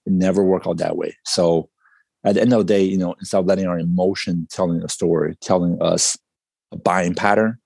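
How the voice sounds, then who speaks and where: Deep-voiced man giving a confident startup pitch. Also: fairly even intonation, fairly quick, gravelly, a little mellow, slightly rough, no echo. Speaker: startup CEO guest. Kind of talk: conversational interview answers.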